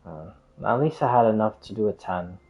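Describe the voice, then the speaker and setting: This game streamer rambles in casual chat, hesitating, wandering off topic and repeating himself. His fairly low voice is expressive and a little mellow, moving at a slightly fast clip. The lo-fi stream audio comes through dull and muffled.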